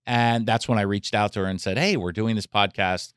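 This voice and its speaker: A man's voice: lowish voice, steady tone, brisk, fairly bright tone, clear, resonant tone, dry recording, studio quality. A man co-hosting a podcast in casual chat, rambling, with many restarts and jokes. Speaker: podcast co-host. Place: podcast studio.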